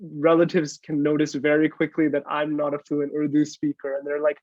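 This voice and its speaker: A man with a rather high voice chats casually on a podcast and jumps in eagerly with his own thoughts. His mic sounds slightly dull and lo-fi. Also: monotone, moderate pace, a little mellow, dry recording. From United States.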